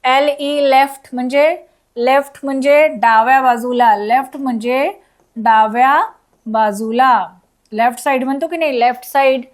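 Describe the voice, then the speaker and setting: A woman's voice: high-pitched, fairly even intonation, moderate pace. A woman teaching a recorded school lesson, spelling words out letter by letter and asking children questions.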